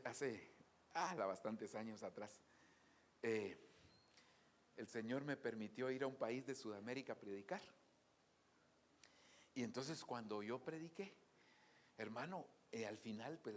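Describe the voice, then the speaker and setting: A man preaching a sermon in a church, telling stories and swinging from soft asides to loud exclamations. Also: medium pitch, a little hiss or hum. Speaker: pastor.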